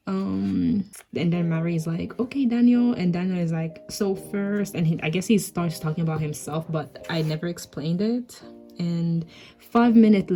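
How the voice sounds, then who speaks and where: Rambling, self-mocking woman with a mellow voice. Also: on the low side. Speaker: artist narrating her old comic. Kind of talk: casual art commentary voice-over.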